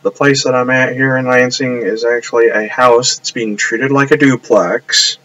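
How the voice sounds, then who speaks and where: A man's voice: mid-range voice, steady tone, moderate pace, fairly bright tone, rough recording. A man rambling casually on a live stream from his upstairs apartment, trailing off and restarting often.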